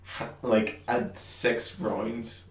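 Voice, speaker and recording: A man's voice: medium pitch, level tone, very slow, recorded from a distance. Man slightly off-mic in an echoey room. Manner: chatty, laughs often, swears casually. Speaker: podcast co-host. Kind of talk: casual gaming chat.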